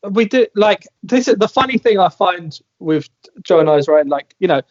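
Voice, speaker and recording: A man's voice: sits high, animated, moderate pace, lo-fi sound. A man, a band member chatting in an interview, with lots of "like" fillers. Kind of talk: casual video call interview.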